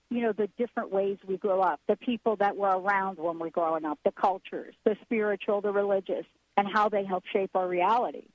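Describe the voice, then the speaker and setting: A woman hosts a talk radio show in an easy, casual way, trailing off and circling back as she looks for the right words. Her voice sits at an ordinary middle pitch. The sound is slightly dull and lo-fi, with a dry, close feel. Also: dry recording. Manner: rambling, searching for words.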